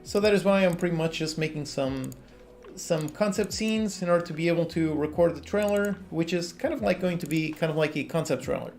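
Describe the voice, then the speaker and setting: Over quiet lofi music, a Portuguese man in his thirties with a Portuguese accent chats casually on stream from his indoor home office while working on a game. Relaxed, he reads viewers' questions aloud and answers frankly, his slightly high, creaky voice moving a little fast.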